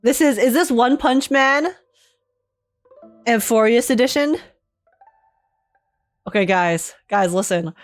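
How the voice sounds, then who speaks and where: A woman streamer with a slightly high voice reacts to a game with playful, teasing, exclamatory commentary and dramatic read-alouds. She speaks slowly with long pauses, and music plays behind her.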